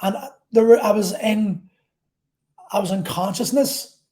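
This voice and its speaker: A woman vlogger telling an intense personal story in a halting way, repeating phrases and swearing. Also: mid-range voice, warm tone, a little hiss or hum.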